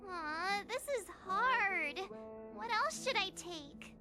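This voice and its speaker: A woman voicing a bubbly, excitable young girl navigator in a video game, with a perky, expressive delivery. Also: very high-pitched, exaggerated voice. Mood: chatty, fretting. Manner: perky, expressive, drawn-out words. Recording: music behind the voice.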